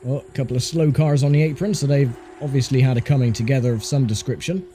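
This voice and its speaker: A man with a mid-range, mellow voice talks quickly in a fairly even tone, giving casual commentary as he plays a racing game and grumbling mildly now and then. The game's engine sound runs behind him, with faint car engine noise in the recording.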